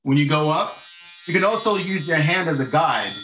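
A man in his forties, a barber, giving a relaxed haircut lesson from home over a video call, laughing often. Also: on the high side, moderate pace, background noise. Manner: laughs often, easygoing instructions. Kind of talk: casual how-to demonstration over video call. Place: home room with sloped ceiling. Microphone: video call from far camera. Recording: echoey room, dull lo-fi call audio.

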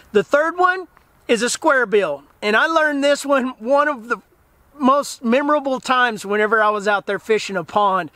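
Outdoors by a river, a fishing channel host talks casually and eagerly to the camera about fishing in a very high voice with no echo. He's enthusiastic and plain-spoken, gesturing animatedly with his hands.

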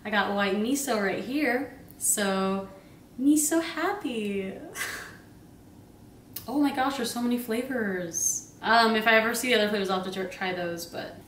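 In this casual grocery-haul vlog, a young woman in her twenties chats at a measured pace in a voice on the high side with a fairly bright tone. She's giggly and bubbly, rambling with plenty of fillers. Recorded indoors in her home kitchen by a camera a few meters off, the audio has a roomy feel and slight background noise.

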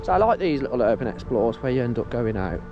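Very animated and quick, a man with a medium pitch narrates his walk through an abandoned outdoor site for his vlog, though the audio sounds dull. He's talkative, muses out loud, and frequently calls out "guys" to viewers. Music runs underneath.

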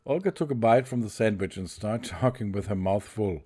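A man's voice: lowish voice, warm tone, slightly rough. A man with a German accent streaming a game, reading its text aloud and commenting, chuckling and correcting his own slips. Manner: slow reader who chuckles and corrects himself. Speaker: let's play streamer.

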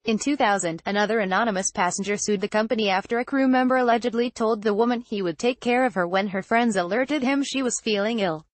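A woman narrating a news report in a steady, scripted read. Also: fairly high pitch, quick pace, hardly any pauses, no room sound.

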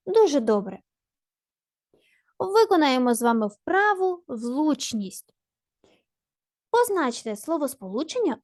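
A woman's voice: high-pitched, no room sound, clean studio sound. A woman teacher giving a primary school language lesson, patient and encouraging, asking questions and answering them herself. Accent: Ukrainian.

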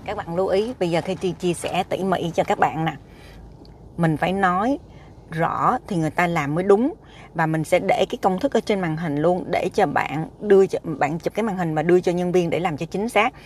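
A woman's voice: fairly low pitch, a little fast, a little hiss or hum. Chatty woman vlogging from her car. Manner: chatty, emphatic, repeats "các bạn". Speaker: food vlogger. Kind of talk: casual chat to camera. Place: inside a parked car.

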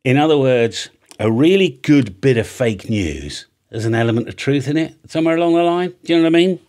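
A husky-voiced British man in his fifties, an amateur radio operator and antenna maker, presents an informal tutorial from a small home studio, close on a large boom-arm studio microphone. His medium-pitched voice is animated, brisk and a little mellow. Chatty and plain-spoken, he keeps checking in with "right?" and "okay?"

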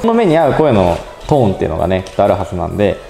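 Speaking low and warm with vocal fry, the young man racing through this clip sounds very animated. He runs a robot pet channel and casually guides viewers through a phone app step by step, courteously describing each action as he thinks aloud. The recording has an indoor echo and faint music.

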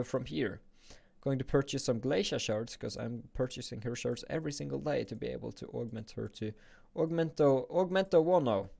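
A young man from Norway, thinking aloud and grumbling playfully while live-streaming a game at his home computer on a boom-arm desk mic. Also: vocal fry, darkish tone. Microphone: desk microphone on a boom arm.

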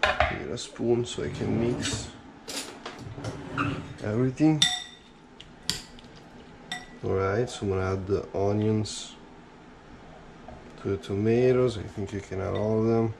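A cooking vlogger in his small home kitchen talks slowly and easily while chopping and mixing, filmed first-person from a head-mounted camera. His voice is lowish and creaky, with background noise audible.

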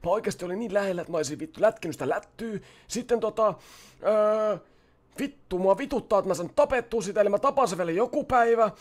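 A man playing a brash, foul-mouthed young criminal in a game roleplay, loud and frantic, swearing and threatening. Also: high voice, natural voice. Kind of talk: GTA roleplay, in-character shouting and swearing.

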